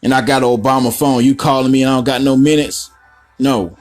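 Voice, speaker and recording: A man's voice: medium pitch, steady tone, fairly quick, faint music behind. A man hosting a casual coloring tutorial, rambling through profane, joking asides while he works. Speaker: art tutorial host.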